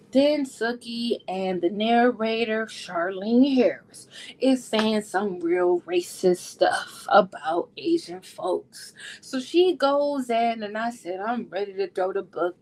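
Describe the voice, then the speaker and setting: On the high side and a little mellow, this woman's voice carries a playful, sassy, slangy book recap. She's a book vlogger hosting a readalong discussion, chatting casually like a vlog host and performing characters' lines.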